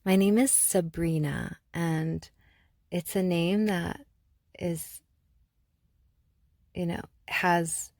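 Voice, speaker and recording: Slow, low-voiced reflective woman host. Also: fairly even intonation, a little mellow, no room sound, clean studio sound. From Algeria. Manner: thoughtful, searching, many pauses and restarts. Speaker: podcast host. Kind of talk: reflective solo podcast talk.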